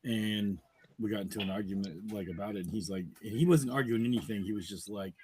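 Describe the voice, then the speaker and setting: Man, low voice, casual podcast chat, laughs a lot, faint hiss. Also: quick pace. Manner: profane, laughs often, trails off quietly. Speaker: podcast co-host.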